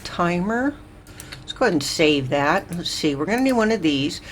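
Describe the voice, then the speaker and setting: A woman hosting a slow, chill game let's play, thinking aloud with lots of fillers and a little out of breath. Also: low voice, lively intonation, noisy background. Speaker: Minecraft let's play host. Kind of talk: slow, chill gameplay commentary.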